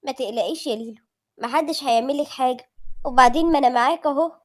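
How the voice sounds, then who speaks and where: A woman with an Egyptian accent voicing a calm young husband who speaks softly and soothingly. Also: very fast, no echo, close to an everyday voice. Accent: Egyptian Arabic. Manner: soft, low, soothing.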